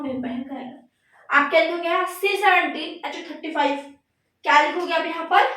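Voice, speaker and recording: Woman teacher, high voice, booming echoey room, quizzes the class and repeats answers slowly. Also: a bit bright, recorded from a distance. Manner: asks students questions and repeats answers slowly; mixes Hindi with English terms. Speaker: chemistry teacher. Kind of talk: classroom lecture.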